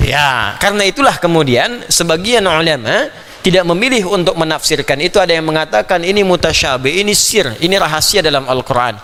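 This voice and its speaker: A man delivers a Quran commentary lecture with a high, lively voice that climbs and dips constantly. His tone is bright and forceful, and he breaks into playful imitations of foreign phrases. The sound carries the long reverb of a large hall. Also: brisk. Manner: animated, playful asides, mimics foreign phrases. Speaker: Islamic preacher.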